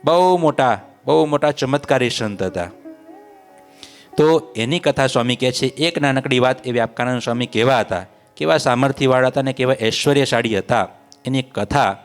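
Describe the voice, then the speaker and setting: A man's voice: mid-range voice, moderate pace, faint music behind. Man telling a devotional story. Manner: repetitive, sing-song storytelling. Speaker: religious storyteller.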